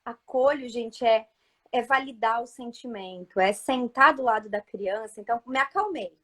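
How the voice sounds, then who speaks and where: High-voiced woman calmly explaining. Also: moderate pace. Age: adult mother. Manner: calm, explanatory, often checks in with listeners. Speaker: parenting guest speaker. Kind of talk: live talk giving parenting advice.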